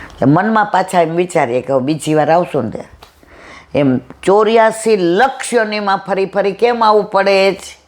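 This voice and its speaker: Animated storyteller at a satsang. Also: mid-range voice, moderate pace. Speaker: devotional satsang speaker. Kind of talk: devotional storytelling talk.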